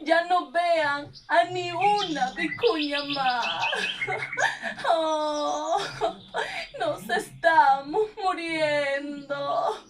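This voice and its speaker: A woman's voice: high voice, extremely slow, crowd noise. A woman with a Peruvian accent voicing a grieving female vicuña in a children's puppet show, sobbing and wailing. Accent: Peruvian Spanish. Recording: voice from a distance off the mic.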